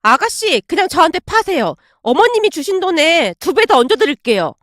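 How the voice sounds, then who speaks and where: A shameless young daughter-in-law, put on by a woman storyteller, wheedles and pleads in a high, bouncy voice. She sounds pushy and whiny. The recording is dry and close. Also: big pitch swings, moderate pace, a bit bright, dry recording, exaggerated voice. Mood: wheedling.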